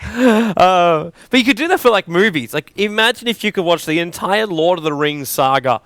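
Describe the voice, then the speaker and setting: Animated young male esports caster. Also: high voice, moderate pace, no echo. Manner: animated, jokey, laughs often, self-deprecating. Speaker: esports commentator. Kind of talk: casual on-air banter between games.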